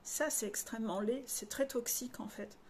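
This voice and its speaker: A woman's voice: on the high side, normal speed, a little hiss or hum. A woman coach from northern France, speaking frankly and confidingly to her followers, with blunt slang mixed into her talk. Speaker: life coach. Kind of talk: candid personal monologue to followers.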